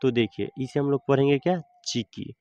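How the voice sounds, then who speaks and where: A man teaching a reading lesson, slowly explaining each word and answering his own questions. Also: medium pitch, mellow, no echo, lo-fi sound.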